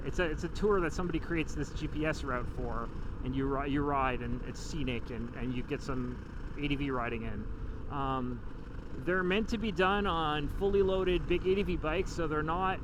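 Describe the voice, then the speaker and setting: A man talking casually and in a rambling way into a helmet microphone while riding a motorcycle, as a vlog host. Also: on the high side. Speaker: motovlogger, host. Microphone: small microphone inside a motorcycle helmet. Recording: clear engine and wind noise. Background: motorcycle engine and outdoor road noise.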